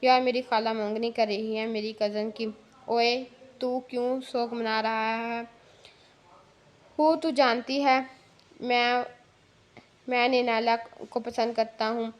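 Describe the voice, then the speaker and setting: A woman's voice: a little high, steady tone, slow, long pauses. A woman voicing a clumsy, lovesick young man who pleads and complains to his friend, reading a story aloud. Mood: worried.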